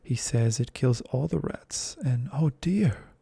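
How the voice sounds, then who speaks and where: An earnest, chatty young girl, polite and eager to please, as a man reading a storybook softly puts her on. The voice stays low-key and mellow with a gravelly texture. It is a whispered role-play, dry and close to the mic. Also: a little slow, no echo. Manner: earnest, eager, soft-spoken.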